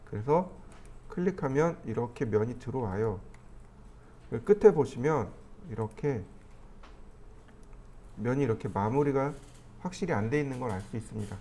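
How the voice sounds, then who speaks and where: A man teaching a 3D modeling class, explaining each step as he clicks through the software. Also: mid-range voice. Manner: step-by-step explaining, thinking aloud while clicking. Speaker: 3D modeling instructor. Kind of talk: screen-recorded software tutorial.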